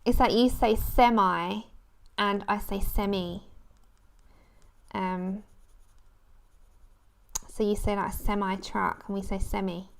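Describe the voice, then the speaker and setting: A woman's voice: mid-range voice, steady tone, a little slow, vocal fry, long pauses. A woman chatting casually and rambling as she hosts a craft livestream, breaking off to talk to viewers. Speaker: livestream host. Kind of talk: casual craft livestream chat while colouring.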